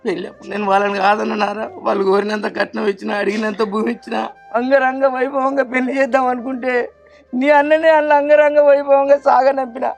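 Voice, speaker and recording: A man's voice: very high-pitched, level tone, fast talker, gravelly, faint music behind. An actor with a Telangana Telugu accent playing a grieving older father who laments at length. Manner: pleading, lamenting in long rural laments. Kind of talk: family web drama acting.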